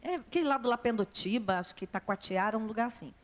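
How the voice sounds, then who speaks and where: A woman pastor preaches a sermon in a high voice. She tells her story with feeling and acts out the voices of the people she quotes. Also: lively intonation, fast talker. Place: church hall.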